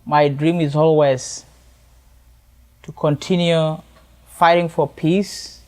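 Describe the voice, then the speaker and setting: A young man from South Sudan with a South Sudanese accent, telling his own story in a measured, earnest way. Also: a little high, level tone. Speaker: speaker sharing a personal story. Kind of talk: earnest personal testimony.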